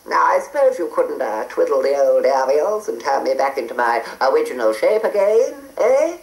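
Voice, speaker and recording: A woman's voice: sits low, big pitch swings, moderate pace, vocal fry, darkish tone, voice pushed up, heavily acted. A woman voicing a fussy male beast who was once a prince, drawling, on an old cassette. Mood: plaintive. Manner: plummy, drawling, says "one". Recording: roomy old cassette recording.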